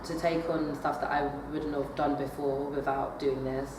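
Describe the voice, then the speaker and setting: The speaker is a young adult woman, a drama student, with a bass voice that shows little pitch movement at a moderate pace. She hesitates through her interview answers with plenty of fillers and restarts. The audio is distant, echoey and noisy.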